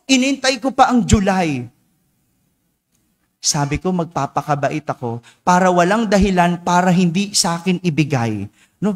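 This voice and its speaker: A priest giving a homily, telling a personal story in a conversational way and often asking the congregation "no?". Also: male voice. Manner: conversational storytelling, frequent tag questions; lively shifts in pitch and pace.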